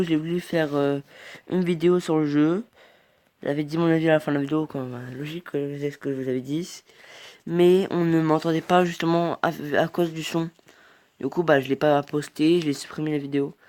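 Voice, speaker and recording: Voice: medium pitch, steady tone, brisk, darkish tone. A mobile game player giving casual gameplay commentary, rambling and hesitant, reacting aloud as the game goes on.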